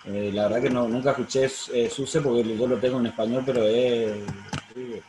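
Profesor argentino de mediana edad, clase por videollamada, algo de ruido de fondo. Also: male voice, medium pitch, fairly even intonation, moderate pace. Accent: Argentine Spanish. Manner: explanatory, frequent fillers and self-corrections. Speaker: law professor. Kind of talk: online university lecture. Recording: roomy sound, faint noise.

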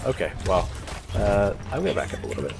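With a deep voice, big pitch swings and a fast delivery, a congested young gaming host chats casually through his play. Close calls draw laughter and swearing. The game's music and sounds are clearly audible under his voice.

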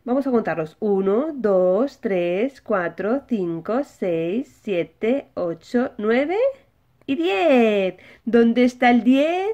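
A woman with an accent from Spain hosts a children's toy channel, speaking to small children through a simple lesson in which she asks questions and then answers them. Her high-side voice is animated and dark in tone, with drawn-out words, on lo-fi sound.

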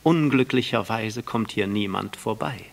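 A vain, pompous man craving admiration, stretching his words out grandly and loudly, as a male narrator puts him on. A gravelly, husky grain runs through the voice, in the manner of a storybook audiobook. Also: fairly low pitch, measured pace. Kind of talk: audiobook reading.

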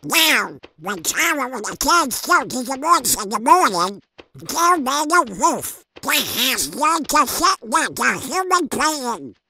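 Squawky duck voice, excitable scheming cartoon guy duck, super high and swoopy. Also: slow, creaky, full character voice. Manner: excitable, loudly exclaiming. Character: excitable, scheming male cartoon duck and his duckling nephews. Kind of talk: comic dub cartoon acting.

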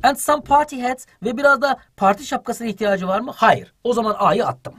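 A man's very high, husky voice moves a little fast as he teaches children English over the internet, lively as he reads English phrases and gives their Turkish translations one by one.

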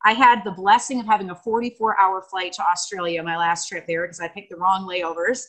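Give me an American woman giving a heartfelt, emotional tribute over a video call, warm and rambling. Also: mid-range voice, steady tone, a little fast, poor audio. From United States. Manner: gushing, emotional, rambling with fillers. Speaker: guest speaker on video call.

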